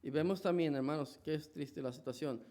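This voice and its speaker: A pastor with a Mexican Spanish accent preaches in a church in a brisk, somewhat high voice with a dark tone. His sermon is conversational, full of restarts and rhetorical questions.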